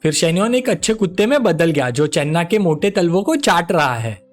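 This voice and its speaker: A male narrator telling a comic story recap in a high, very lively voice. His delivery is smooth and animated, with faint music underneath. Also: fairly quick.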